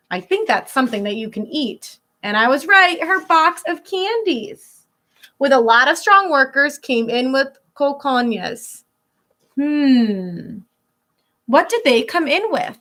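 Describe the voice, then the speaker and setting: An elementary school teacher with a high, lively voice reads a picture book aloud to children, adding explanatory asides. She goes slowly, stretching key words and pausing to explain, with an expressive delivery clearly pitched at young listeners.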